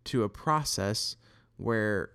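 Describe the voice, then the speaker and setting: A man co-hosting a podcast, giving examples in casual chat with dry, teasing humor and fillers as he thinks out loud. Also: on the low side, animated, takes it slowly, gravelly, smooth. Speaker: podcast co-host.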